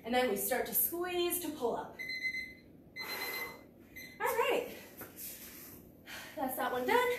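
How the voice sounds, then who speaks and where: In a large indoor martial arts gym with mats, a young woman works out while instructing kickboxing, calling moves in clipped cues and sounding physically strained. Her high, very animated voice comes slowly, with frequent pauses. A distant camera across the room picks up echo and noise.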